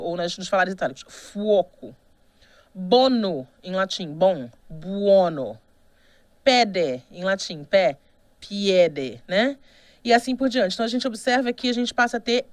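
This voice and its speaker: A woman's voice: medium pitch, no room sound. A Brazilian woman with a Brazilian Portuguese accent giving a university lecture, explaining patiently and checking in with "né?" as she goes. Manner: explanatory, with frequent "né?" checks and restarts. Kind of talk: recorded online lecture.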